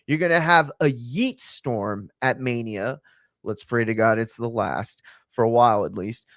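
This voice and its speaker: A man co-hosting a late-night wrestling talk show, excitable and swearing freely in casual chat. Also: mid-range voice, a little slow, no echo, clean studio sound. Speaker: podcast co-host.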